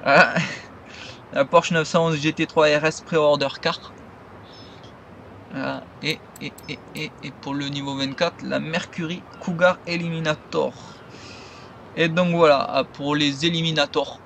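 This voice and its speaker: A man's voice: fairly high pitch, steady tone, measured pace, vocal fry, a bit bright, a little hiss or hum. A man giving loose, rambling commentary over his gameplay as a gaming video creator.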